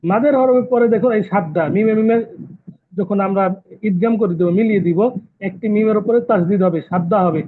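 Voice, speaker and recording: A man's voice: sits high, fast talker. A man teaching Quran recitation rules in an online lesson, patiently repeating terms and quizzing his students. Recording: tinny phone-like call audio.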